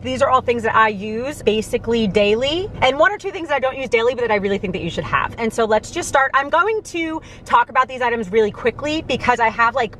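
A young woman from the States chatting to camera from inside a parked car, talking quickly and animatedly with lots of fillers. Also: fairly high pitch, fairly bright tone, slight background noise. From United States. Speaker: vlogger. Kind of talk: casual vlog talk to camera. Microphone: camera on dashboard.

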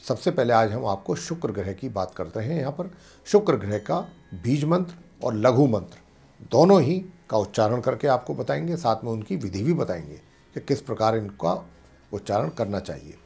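A man, an astrologer and pandit, calmly explaining planetary mantras and slowly chanting them. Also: medium pitch, creaky, husky. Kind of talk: devotional teaching talk.

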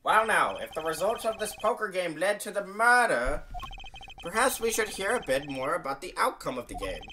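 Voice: mid-range voice, sing-song, moderate pace, pushed and bright, slight background noise, voice pushed up. A streamer voicing a fussy older male judge in a game, speaking formally and ponderously. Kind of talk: game let's play voice-over.

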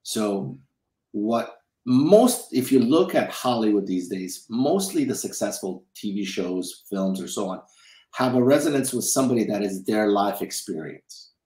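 A man's voice: on the low side, expressive, measured pace, warm tone, echoey room, poor audio. A middle-aged man from Romania, a guest in a casual interview, talking from a home office over a webcam, rambling and repeating words as he thinks. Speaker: guest, film financier. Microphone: video call webcam.

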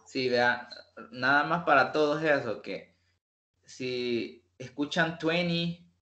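A man's voice: fairly high pitch, pushed and bright, lo-fi sound. A man teaching an online English class, explaining numbers patiently and mixing in English examples. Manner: patient, explains slowly, mixes English examples into his talk. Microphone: video call.

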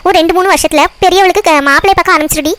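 A woman's voice: extremely high pitch, steady tone, rapid-fire, a bit bright. A woman voicing an older mother in a cartoon who bluntly scolds her daughters about marrying off their girls. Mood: scolding. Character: older mother worrying about granddaughters' marriages. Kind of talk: cartoon voice acting.

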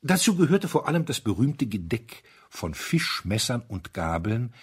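A man narrates a literary tale in a fairly low, husky voice. Like a seasoned audiobook reader, he speaks deliberately and in a measured way, giving phrases expressive emphasis.

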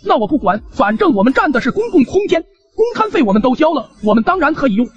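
A man voicing a grumpy, bossy old male neighbor who scolds and shouts insults. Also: very high voice, sing-song, fast, lo-fi sound, pitched above the performer's own voice. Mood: scolding.

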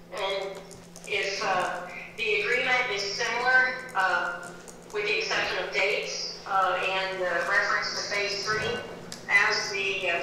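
A woman's voice: mid-range voice, pushed and bright. A woman heard over a speakerphone, briefing a city board as a grant consultant in a businesslike way with frequent ums and uhs. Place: meeting room, heard through a speakerphone. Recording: distant echoey speakerphone, faint noise.

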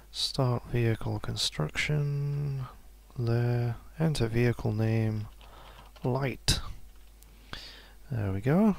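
A man giving relaxed, casual commentary while playing a game, musing to himself and laughing softly now and then. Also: medium pitch, vocal fry. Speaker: let's play gamer.

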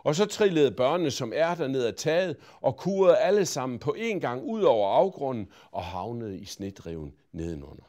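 A man tells a Christmas story aloud in an expressive, storybook style. His voice sits in an ordinary middle pitch and swings widely with lively rises and falls. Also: hardly any pauses.

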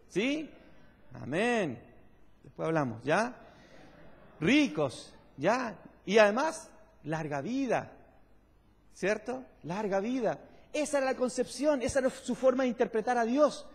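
A man with a husky, high voice and big pitch swings preaches a little slowly, pausing often. At a stage pulpit in a large church hall, he teaches emphatically, explaining and questioning the congregation. The hall echoes with long reverb.

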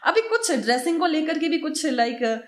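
A woman's voice: high voice, big pitch swings, moderate pace, echoey room. A young woman, a journalist and influencer talking as an interview guest in an emphatic, defiant way. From Kashmir. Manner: emphatic, defiant, often laughing. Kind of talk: casual interview talk.

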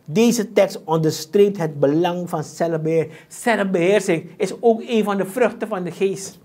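A man preaches a sermon in a Surinamese Dutch accent, his voice sitting high. He is emphatic and repeats his points, slipping in Sranan and English phrases as he warns his listeners. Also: dark tone.

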